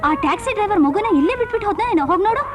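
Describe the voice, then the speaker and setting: An actress playing a bossy young lady of the house who gives sharp orders, in a film comedy. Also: very high voice, animated, racing, very noisy. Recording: film soundtrack with loud music.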